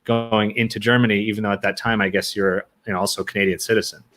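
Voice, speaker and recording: Hosting a casual interview podcast, this man from the United States rambles through lengthy, friendly questions with plenty of fillers and false starts. He talks fast in a fairly bright, flat voice on the low side, with faint music in the background.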